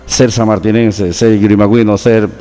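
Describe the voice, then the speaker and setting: A man's voice: on the low side, little pitch movement, moderate pace, warm tone. A man with a Peruvian Amazonian Spanish accent, patiently explaining things to an interviewer and backing his points with examples. His voice carries a long, reverberant echo, with faint music playing underneath. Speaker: guest, researcher.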